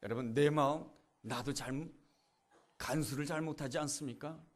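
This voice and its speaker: A man's voice: a little high, normal speed. A male pastor preaching a sermon, telling a story with earnest, repetitive emphasis.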